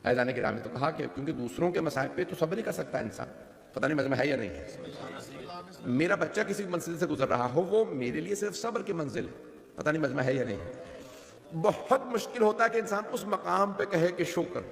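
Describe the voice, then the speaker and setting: A male preacher delivers an emotional devotional sermon, fairly high-pitched with a gravelly edge. His voice rings through a large, echoey hall with long reverb. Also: lively intonation. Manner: emotive orator, rising to impassioned peaks, often checking the crowd's response. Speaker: Shia cleric preacher.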